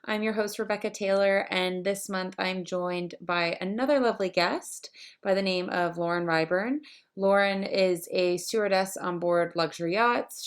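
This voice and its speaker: A woman hosting a podcast, chatty and upbeat, with frequent ums. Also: on the low side. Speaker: podcast host. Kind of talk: casual podcast chat.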